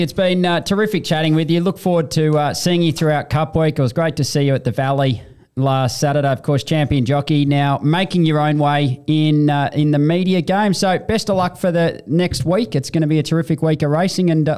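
A man's voice: a little high, fairly even intonation, fairly quick, darkish tone, clear, resonant tone. A man hosting a racing show, upbeat and friendly.

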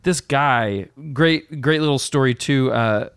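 A man's voice: medium pitch, takes it slowly, smooth, no room sound, clean studio sound. A man hosting a podcast, chatting casually and enthusiastically about a film and sharing trivia. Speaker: podcast host.

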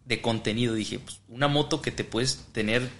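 Bright-voiced man, chatty. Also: medium pitch, normal speed, a little hiss or hum. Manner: laughs often, acts out quoted dialogue. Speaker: motorcycle vlogger guest. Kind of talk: casual chat.

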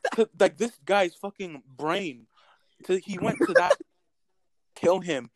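A young man in casual chat, telling animated stories and swearing constantly. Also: high-pitched, slow, no echo. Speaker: podcast co-host.

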